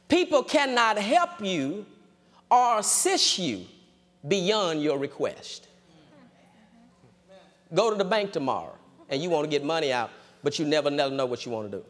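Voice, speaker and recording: A man's voice: sits high, fairly bright tone, long reverb tail. A man preaching a sermon as a pastor, repeating phrases for emphasis.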